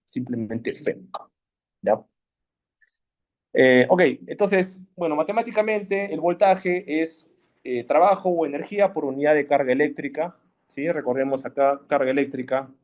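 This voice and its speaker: A man's voice: on the high side, moderate pace. A man giving a casual classroom lecture on electricity, often checking in with his listeners. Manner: chatty, checks in with frequent "¿sí?" and "¿no?". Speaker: electricity teacher.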